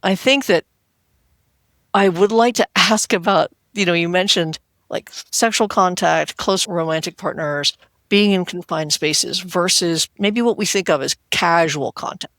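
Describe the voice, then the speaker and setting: A woman hosts a health podcast, speaking as a healthcare worker in an earnest, conversational interview. Her voice sits on the low side with a fairly bright tone and a measured pace, and there's no room sound. She stacks repeated "we want to" phrases and acts out quotes.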